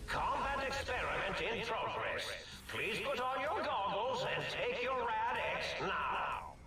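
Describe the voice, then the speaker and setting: An actor playing an eccentric old male mad scientist, making theatrical announcements over an outdoor loudspeaker. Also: very high-pitched, sing-song, unhurried, very echoey, distant mic, music in the background, exaggerated voice. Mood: grandiose announcing. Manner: grandiose, theatrical proclamations.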